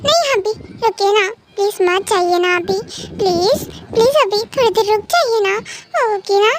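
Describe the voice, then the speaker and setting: A woman voicing a childish, clingy young wife who pleads in a high childlike voice and calls herself by name, in a fan audio drama. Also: normal speed, noisy background. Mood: pleading. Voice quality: high childlike voice, refers to herself in the third person.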